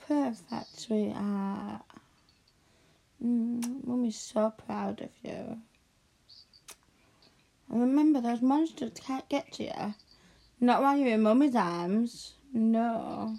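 A woman speaking softly and soothingly in an ASMR caregiver roleplay, slipping into hushed whispers. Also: on the high side, gravelly. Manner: soft, soothing, slow and hushed, often drifting into whispers.

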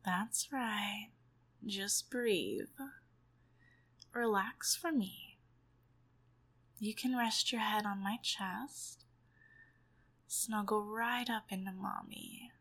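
Slow, sultry woman in ASMR role-play. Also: mid-range voice, a bit bright. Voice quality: breathy. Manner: sultry, slow, doting narrator.

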